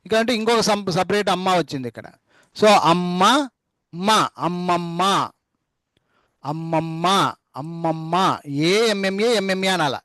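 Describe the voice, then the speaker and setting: A man's voice: high-pitched, unhurried, pauses often, fairly bright tone, dry recording. A man teaching a spelling lesson, repeating each word several times and spelling it out letter by letter. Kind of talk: classroom dictation lesson.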